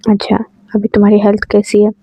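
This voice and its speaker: A woman's voice: medium pitch, completely flat delivery, brisk, slightly rough, no echo, lo-fi sound. A woman voicing a caring young woman, coaxing. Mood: gentle. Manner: coaxing, asks many questions at once. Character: caring young woman, anxious for her partner.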